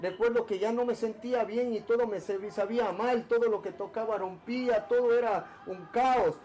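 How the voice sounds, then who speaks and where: High-voiced man telling a halting testimony. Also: fairly even intonation, darkish tone. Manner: halting, with many repeated words and restarts; earnest, emotional storytelling. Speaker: church member giving testimony. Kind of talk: personal testimony told to a pastor.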